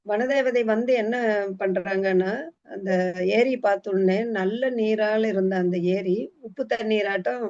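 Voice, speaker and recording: A woman's voice: medium pitch, fairly even intonation, unhurried, a little mellow. A woman retelling the story of a book in a casual, hesitant way, with frequent fillers and restarts, as if presenting it to a class. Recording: dull lo-fi recording.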